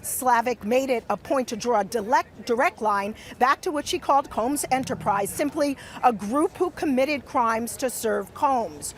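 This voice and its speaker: A high-pitched American woman delivers a live TV news report in a measured, deliberate way. She speaks as a field reporter, with faint street noise behind her.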